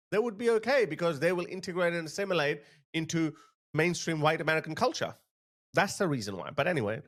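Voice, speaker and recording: A man giving blunt, opinionated commentary while reacting to a video clip. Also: on the high side. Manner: blunt, scornful.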